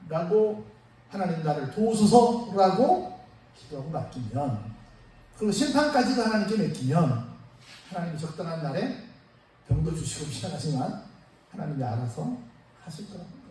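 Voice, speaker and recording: A man with a high voice preaches a Sunday sermon, chatty and animated, peppering the congregation with questions. The sound is heavily echoey, as if caught from across a big church hall. A faint hiss sits under it. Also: brisk, pauses often, distant mic. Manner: lively, conversational preaching with rhetorical questions. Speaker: pastor. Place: church sanctuary.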